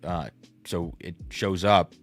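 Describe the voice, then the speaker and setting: A man's voice: low voice, takes it slowly, faint music behind. A man in his thirties hosting a casual livestream tasting, thinking aloud and reacting to chat. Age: 30s. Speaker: host.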